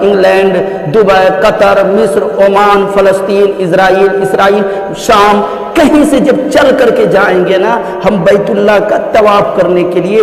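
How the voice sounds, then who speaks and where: A male Islamic cleric giving a scolding, sarcastic rebuttal, lecturing the listener like a daughter. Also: sits high. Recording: echoey hall reverb.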